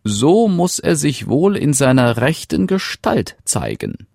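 A man's voice: a little high, wildly swooping pitch, takes it slowly, creaky, a little mellow, no room sound, clean studio sound, voice pushed up, heavily acted. A man voicing an eager, scheming young servant who urges a king on in a storybook reading. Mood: urgent. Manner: urgent, conspiratorial advice.

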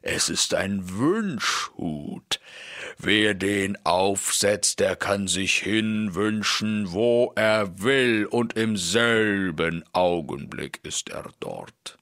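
A man playing slow, lumbering storybook giants. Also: on the low side, a bit bright, dry recording, clean studio sound, full character voice. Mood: plodding. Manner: slow, heavy, drawn-out delivery. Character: two slow, lumbering male giants quarrelling.

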